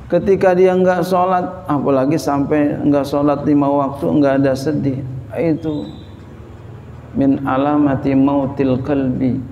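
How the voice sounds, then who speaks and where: A man's voice: on the high side, level tone, a little slow, dark tone, dull audio. A man preaching a sermon in a conversational way, quoting scripture and explaining it in plain terms. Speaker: Islamic preacher. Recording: long hall reverb with faint background noise.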